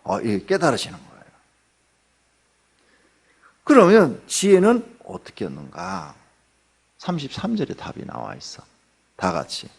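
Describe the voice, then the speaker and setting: Gravelly, lively pastor preaching. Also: male voice, a little high, a little slow, long pauses. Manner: conversational, asks the congregation questions; acts out everyday people in quotes, joking. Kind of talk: early-morning sermon.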